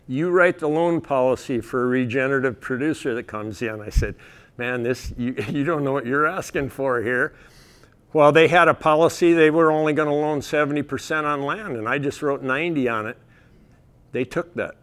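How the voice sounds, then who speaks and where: A rancher from North Dakota speaks at a conference in a folksy, easygoing way. His voice sits at a middling pitch for a man. He strings anecdotes together and chuckles as he goes. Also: fairly bright tone. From North Dakota, USA. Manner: folksy, storytelling, chuckles often. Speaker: rancher and grazing coalition president giving a conference talk. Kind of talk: casual presentation with slides.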